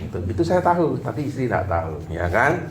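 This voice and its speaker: A man preaching, chatty and joking as he talks to the congregation in plain everyday speech. His voice sits at an ordinary middle pitch. The room is echoey, with a faint hum of background noise. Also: very animated, fairly quick. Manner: jokey, conversational, acts out little dialogues. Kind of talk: sermon. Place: church hall.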